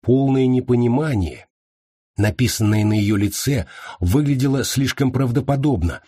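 Male audiobook narrator, measured slow delivery, husky tone, dry booth sound. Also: medium pitch, mellow, dry recording. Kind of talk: scripted novel narration.

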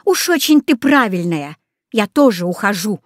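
A woman's voice: medium pitch, very animated, normal speed, no room sound, studio quality, natural voice. A woman voicing an outspoken, loyal schoolgirl friend in a storybook. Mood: earnest. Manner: indignant, then whispering.

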